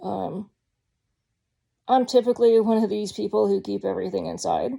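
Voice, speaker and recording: A woman's voice: mid-range voice, moderate pace, gravelly, mellow. A woman talking candidly in a casual personal vlog, rambling with frequent ums. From Georgia, US. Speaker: vlogger.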